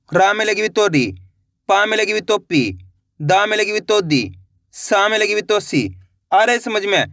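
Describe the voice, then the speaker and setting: A man with a high, bright voice teaches beginners to read, breaking each word into single letters before blending them together. He keeps checking whether the listener is following. The sound is dry and close. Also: no echo. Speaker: Hindi reading teacher. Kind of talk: slow spelled-out lesson for beginners.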